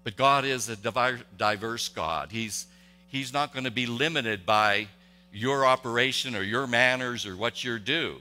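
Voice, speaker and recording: Male pastor, intense and tense-toned, folksy halting sermon delivery, long church-hall reverb. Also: medium pitch, pushed and bright. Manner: conversational, halting, many restarts and rhetorical questions. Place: church sanctuary.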